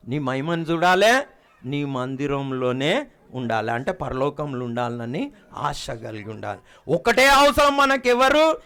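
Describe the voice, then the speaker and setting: A middle-aged man preaching a sermon, emphatic, swinging between loud exhortation and quiet low asides and calling out questions to the congregation. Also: gravelly.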